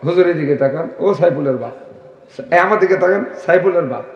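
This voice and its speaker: A man voicing a nagging middle-aged rural mother who keeps calling out to her husband in a shrill, pleading way. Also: lively intonation, a little fast, muffled recording. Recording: echoey hall over loudspeakers.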